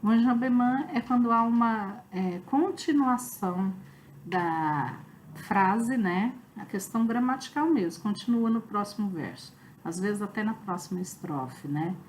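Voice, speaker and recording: A Brazilian woman teaches a literature review class in an explanatory way, pausing often to check in with her students. Her voice sits in a middle pitch. A faint hiss of noise runs under the recording. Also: expressive, poor audio. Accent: Brazilian Portuguese. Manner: explanatory, many fillers like "né?" and "tá?". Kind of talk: online review lecture.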